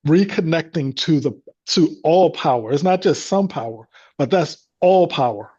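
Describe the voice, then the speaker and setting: A man's voice: a little high, expressive, moderate pace, mellow, husky, highs cut off. A man telling a personal faith story as a guest, in an earnest, devout manner. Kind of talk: personal testimony.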